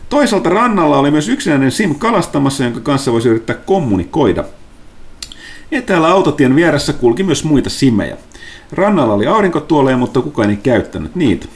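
A man from Finland who runs a tabletop game as game master, narrating the scenes with animated storytelling. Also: on the high side.

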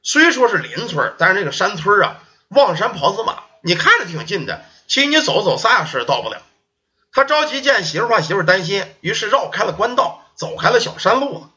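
A man's voice: sits high, very animated, fast, pushed and bright, highs cut off. A man telling a folk ghost story in a colloquial, rhythmic style.

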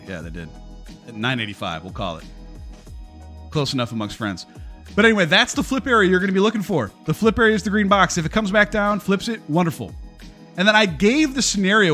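A man with a slightly raised pitch talks through the markets in a casual live stream, blunt and given to swearing. He answers his viewers' chat comments as he goes. Soft music sits faintly in the background.

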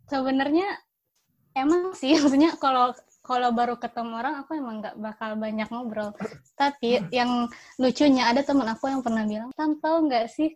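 A woman's voice: sits high, a little mellow, muffled recording. A young woman chatting casually on a podcast, telling stories with frequent giggles. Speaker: podcast co-host. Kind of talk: casual chat.

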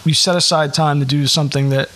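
Chatty co-host man, higher voice. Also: steady tone, fast talker, fairly bright tone. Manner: rambling, thoughtful, playful joker. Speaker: podcast co-host. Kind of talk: casual podcast chat.

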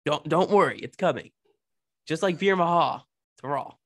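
A man co-hosting a casual podcast chat, playful and quick to riff on a joke. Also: on the high side. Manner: lively, playful, riffs on bits. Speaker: podcast co-host.

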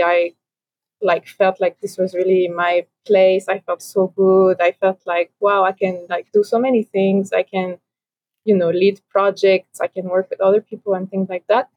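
A woman's voice: mid-range voice, darkish tone, no room sound. A young woman from France, a guest on a podcast, chatting casually over a video call with many fillers and restarts. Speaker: podcast guest, ocean educator. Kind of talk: casual interview conversation.

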